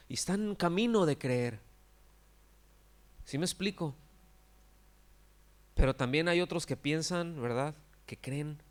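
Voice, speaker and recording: A man, a pastor giving a conversational sermon full of rhetorical questions to his congregation. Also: a little high. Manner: acts out quoted characters with exaggerated cries.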